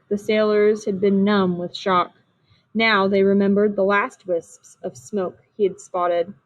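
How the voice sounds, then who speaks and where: Woman, reading aloud, storybook, steady and clear, mid pitch, muffled lo-fi sound. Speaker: reader.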